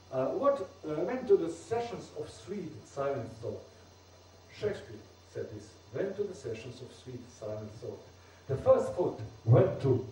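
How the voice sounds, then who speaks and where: A man's voice: a little high, mellow. A man giving a university lecture on poetry, explaining step by step with some fillers and restarts, as a non-native speaker from Bosnia. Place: university amphitheater. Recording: very echoey lecture hall, distant mic.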